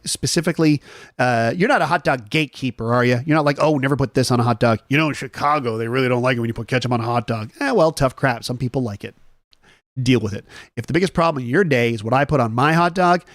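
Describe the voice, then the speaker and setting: A man's voice: medium pitch, dry recording. Chatty, rambling man on a dry mic. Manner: rambling, chatty, jokey asides to viewers. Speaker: host. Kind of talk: casual morning chat with live chat.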